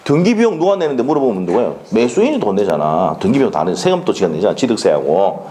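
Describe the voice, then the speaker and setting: A man's voice: lowish voice, big pitch swings, quick pace, mellow. A man with a Gyeongsang Korean accent giving a classroom law lecture, blunt and colloquial, constantly firing rhetorical questions and checking that students follow.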